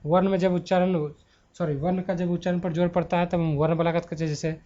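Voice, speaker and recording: Male teacher, slightly high voice, talks into a laptop mic, muffled lo-fi sound, corrects himself mid-sentence. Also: little pitch movement, quick pace, dark tone. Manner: thinks aloud, corrects himself. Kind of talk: exam prep lesson. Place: at home before a laptop. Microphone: handheld mic at a laptop.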